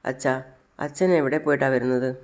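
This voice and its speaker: A man's voice: mid-range voice, fairly even intonation, moderate pace, close to an everyday voice. A man voicing a worried, protective grown daughter in a recapped TV serial, pleading and comforting. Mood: anxious.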